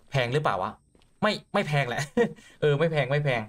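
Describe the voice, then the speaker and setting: A man's voice: fairly high pitch, fairly quick. Jumpy young man narrating a horror game. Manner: excitable, jumpy, stammers repeated words. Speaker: gaming YouTuber. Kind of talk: let's play commentary.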